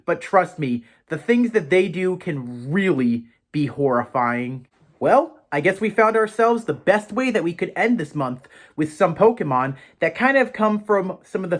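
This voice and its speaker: A high-voiced man hosts a Pokemon education show, delivering a theatrical, chatty monologue to viewers. Playfully in character as a professor, he poses questions to the audience.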